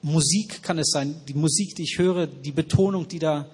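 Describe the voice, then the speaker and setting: Preacher, male, slightly high husky voice, interactive sermon, quizzes the congregation and echoes back their answers. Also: moderate pace, a little mellow. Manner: asks the congregation questions and repeats their answers. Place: church hall with noisy ventilation.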